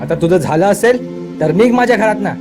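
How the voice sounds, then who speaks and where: A man's voice: sits high, lively intonation, a little fast. A young man playing a bitter, furious orphan. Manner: resentful, lashing out, repeats phrases. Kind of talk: amateur short-film acting. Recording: loud music behind voice.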